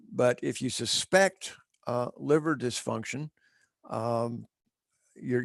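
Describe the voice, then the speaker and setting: A middle-aged man, an equine veterinarian, giving a measured educational webinar talk with frequent fillers and restarts. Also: medium pitch, gravelly, dry recording, studio quality.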